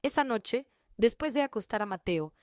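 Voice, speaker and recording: A woman reading a first-person family story in an even, measured way. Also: fairly high pitch, dry recording, studio quality. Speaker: narrator.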